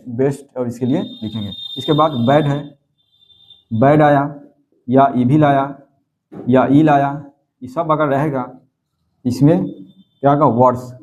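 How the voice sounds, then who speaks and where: A man's voice: medium pitch, a little mellow. Man teaching grammar, quizzing himself aloud. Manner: repeats key words and quizzes himself with questions. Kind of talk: classroom grammar lesson. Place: coaching class.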